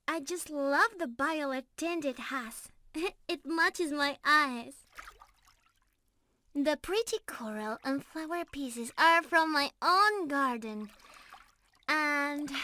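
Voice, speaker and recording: In an intimate ASMR roleplay, a woman plays a young mermaid in love, speaking directly to her beloved in a very high voice at an unhurried pace. She sounds tender, playful and giggly, her tone bright and full of affection. The performance is heavily acted, with a slight hiss or hum audible.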